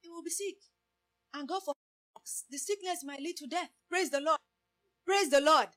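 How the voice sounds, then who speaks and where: A woman's voice: high voice, moderate pace, a bit bright. A woman preaching a sermon in English, which is not her first language. She keeps saying "praise the Lord" and asks her listeners rhetorical questions. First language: a language other than English.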